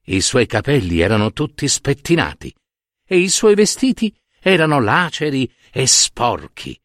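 A man narrating a fairy tale in a gentle, expressive storytelling manner. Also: mid-range voice, dry recording, clean studio sound.

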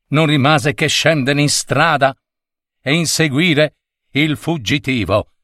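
A man reads a children's story at an unhurried pace, with a lively, animated melody. His delivery is expressive and the sound is dry and close. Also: medium pitch, no echo.

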